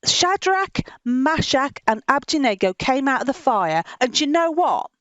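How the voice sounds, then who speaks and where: A woman presenting a children's program, telling a Bible story in a lively way and laughing often. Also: high-pitched, unhurried, no echo, dull audio.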